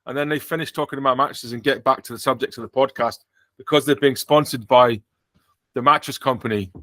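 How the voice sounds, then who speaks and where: A man's voice: mid-range voice, steady tone, fairly quick, a bit bright, no room sound. A man with an English accent hosting a casual podcast chat, joking dryly and poking fun at himself. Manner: dry, joking, self-mocking. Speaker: podcast host.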